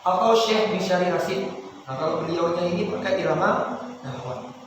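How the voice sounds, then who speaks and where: Tired Javanese man teaching Quran chanting. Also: high voice. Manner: explains then chants verses slowly in melodic tones. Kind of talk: Quran recitation lesson with chanted examples. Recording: echoey hall, distant mic, noisy.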